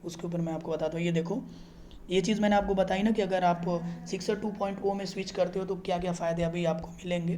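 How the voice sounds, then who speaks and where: A man talks fast in a high, darkish voice with fairly even intonation while explaining a trading app on his channel. The casual screen-recorded video has a roomy sound with slight background noise, and he chats along, checking often that viewers keep up.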